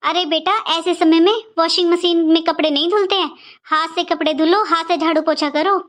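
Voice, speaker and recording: A woman voicing a bossy, scolding middle-aged mother-in-law in an animated cartoon, speaking harshly and commandingly. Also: very high-pitched, brisk.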